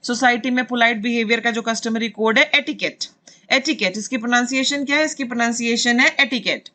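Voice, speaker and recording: A woman's voice: a little high, fairly quick, bright, forceful tone. A young adult woman teacher giving an online vocabulary lesson, reading English definitions and explaining them in Hindi, often asking and answering her own questions with frequent "okay".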